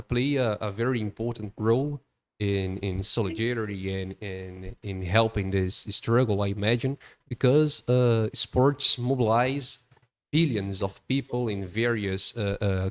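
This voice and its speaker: A man with a fairly low voice conducts an interview. His questions are long and hesitant and full of repeated fillers. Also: unhurried. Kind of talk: interview questions in a second language.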